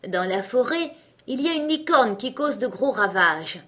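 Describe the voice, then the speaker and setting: A woman's voice: a little high, animated, normal speed, a bit bright, pitched above the performer's own voice. Woman doing a scheming storybook king. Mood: commanding. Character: scheming deceitful old king.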